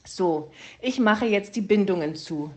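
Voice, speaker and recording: Fussy male raven teacher, croaks at sentence ends, storybook voice, woman voicing. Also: medium pitch, lively intonation, a little slow, close to an everyday voice. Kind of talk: storybook reading.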